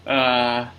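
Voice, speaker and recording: A man's voice: mid-range voice, bright, forceful tone, poor audio. A man narrating a tabletop game as game master, talking loosely with lots of fillers and restarts.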